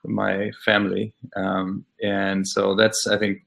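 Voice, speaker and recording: A middle-aged man from Austria, a guest in a casual interview, speaking thoughtfully with many pauses and fillers. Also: lowish voice, completely flat delivery, creaky, a bit bright. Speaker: interview guest, law scholar.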